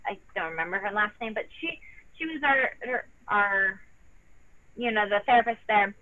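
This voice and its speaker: A woman in her thirties, a former gymnast guest, talking haltingly with many restarts and sounding close to tears. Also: medium pitch, expressive. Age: 30s. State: tearful. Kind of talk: emotional personal interview. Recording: tinny phone line.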